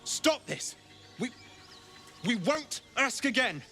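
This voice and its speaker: A man's voice: very high-pitched, big pitch swings, slow pace, sharp tone, soft background music, heavily acted. A man playing a desperate, earnest brother in a video game, pleading urgently. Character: desperate, earnest young brother confronting a captor. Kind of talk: video game character acting.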